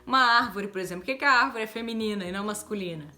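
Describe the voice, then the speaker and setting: A Brazilian woman teaching English in a chatty, lively video lesson, often adding quick tag questions. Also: a little high, faint music behind. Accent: Brazilian Portuguese.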